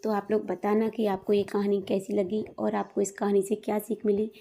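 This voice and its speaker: Sex: woman. Role: storyteller and channel host. Style: steady storybook narration. Tone: warm, mellow, mid pitch. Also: normal speed, gravelly, a little hiss or hum. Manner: steady, plain reading; asks viewers to comment and subscribe.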